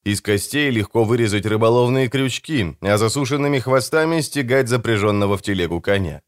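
A man reading a dark fantasy novel aloud as an audiobook narrator, in even, measured narration. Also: fairly low pitch, smooth, no room sound, clean studio sound. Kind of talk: scripted narration.

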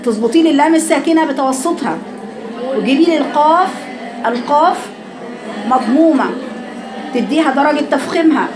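A woman's voice: high-pitched, expressive, background noise. Egyptian woman teacher drilling letter sounds. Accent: Egyptian Arabic. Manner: corrective, repeats sounds slowly with drawn-out demonstrations. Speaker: Quran recitation teacher. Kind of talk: online recitation class.

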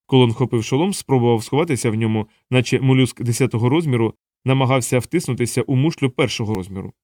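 A man reading an audiobook aloud in an even, measured narrating voice. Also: mid-range voice, no echo, clean studio sound.

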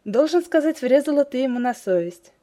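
A woman's voice: high-pitched, animated, fairly quick, mellow, voice pushed up. A woman voicing an earnest, courteous young village man who is courting a girl. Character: young male villager, frank and eager suitor.

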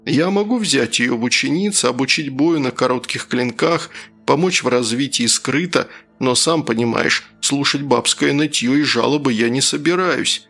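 A man's voice: mid-range voice, normal speed, hardly any pauses, a bit bright, faint music behind. A man voicing a blunt, commanding male warrior mentor in an audiobook. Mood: stern. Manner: blunt, commanding, rough-spoken.

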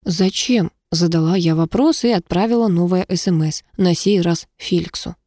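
Woman narrating with a mellow tone. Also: on the low side, moderate pace, dry recording, studio quality. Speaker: audiobook narrator. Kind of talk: first-person audiobook narration.

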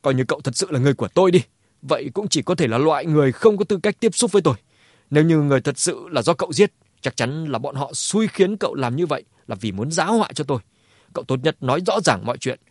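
A man voicing a cornered, scheming clan head who shouts denials and threats. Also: a little high, lively intonation, fast talker, no room sound, studio quality. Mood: desperate threatening. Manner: shouting, blustering.

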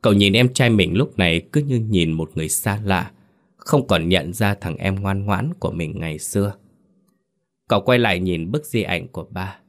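A man narrating a horror story, in a measured, dramatic reading. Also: low-pitched.

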